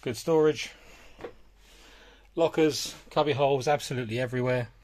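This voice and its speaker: Boat broker walking through a cabin. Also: male voice, mid-range voice, darkish tone. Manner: brisk, listing features in short phrases. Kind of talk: walkthrough tour narration. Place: aboard a small motor boat, cabin and cockpit.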